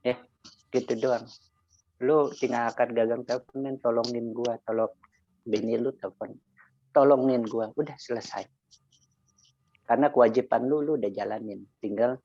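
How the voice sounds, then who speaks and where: Man, gravelly voice, slangy storyteller, dry muffled lo-fi sound. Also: on the high side, no echo. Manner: animated storytelling in slangy street talk, acting out both sides of a conversation. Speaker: insurance agent sharing experience. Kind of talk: motivational sharing session.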